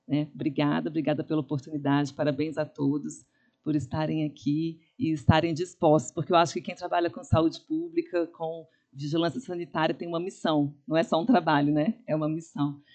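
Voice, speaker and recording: A woman's voice: low voice, level tone, a little fast, darkish tone. A woman with a Brazilian accent speaks to colleagues as a public health manager. She delivers an opening address in an informal, spoken style.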